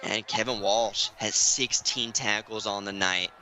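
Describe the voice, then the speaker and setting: A man doing play-by-play commentary for an online football game, keeping his voice hushed and excited, climbing high and loud on big plays. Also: a little slow, rough recording. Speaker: play-by-play announcer. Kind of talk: sports commentary. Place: home room, streaming.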